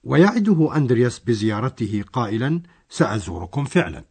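A man's voice: medium pitch, very animated, fast, creaky, darkish tone, husky. A man narrating a scripted language lesson, explaining a dialogue step by step.

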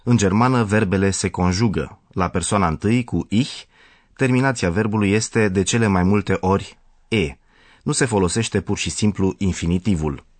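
A man as the language professor on a radio lesson, giving calm, measured grammar explanations. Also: sits low, no room sound.

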